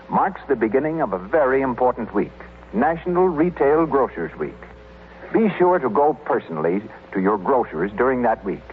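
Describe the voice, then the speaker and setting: An American man with a medium-pitched voice plays a 1930s radio announcer, reading a script in a formal, polished manner. The audio is narrow and tinny, a thin, faintly hissy recording in the style of 1930s radio.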